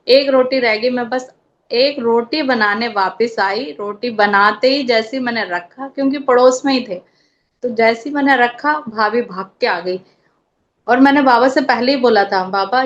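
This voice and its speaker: A woman's voice: a little high, lo-fi sound. Woman recounting a devotional experience. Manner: emotional, repeats chants aloud. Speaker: devotee sharing a spiritual experience. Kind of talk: personal testimony.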